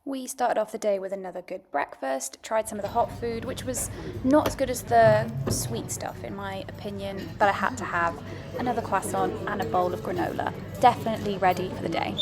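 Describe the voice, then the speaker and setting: A woman's voice: mid-range voice, fairly quick, over music. A woman giving a casual, chatty, understated voice-over review as a food and travel vlogger.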